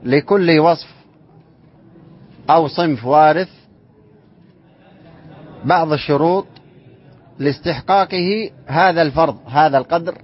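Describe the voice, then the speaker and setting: Guy teaching a class, bit high voice, recites verse slow then quizzes students, muffled lo-fi recording. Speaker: sheikh teaching inheritance law. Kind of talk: classroom lesson explaining a poem.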